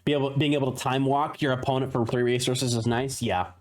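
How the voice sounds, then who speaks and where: A man's voice: mid-range voice, fairly even intonation, brisk. A man streaming a card pack opening, rattling off card names between chatty asides and the odd laugh. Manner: laughs at his own tongue-twisters. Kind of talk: casual unboxing commentary.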